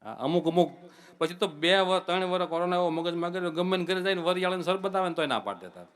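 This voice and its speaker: A man's voice: sits high, fast talker, a bit bright, smooth. A man, telling folksy jokes and stories to devotees at a religious gathering. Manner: folksy joke-telling, addresses listeners as devotees. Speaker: comic speaker at a religious gathering. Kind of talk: humorous folk storytelling.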